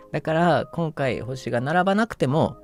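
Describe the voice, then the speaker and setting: A man's voice: a little high, creaky. A man with a Kansai accent streaming casual chat to fans, rambling, gushing thanks and laughing often. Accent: Kansai Japanese. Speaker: virtual streamer.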